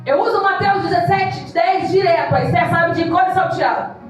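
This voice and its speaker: A woman's voice: very high voice, normal speed, faint music behind. A woman pastor preaching an impassioned evangelical sermon, acting out the voices of congregants. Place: church hall. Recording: echoey church hall from far off.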